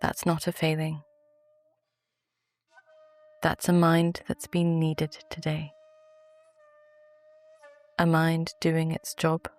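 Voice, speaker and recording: Guiding listeners toward sleep, a British-accented woman speaks in a low-pitched voice that stays soft, calm and soothing throughout the meditation.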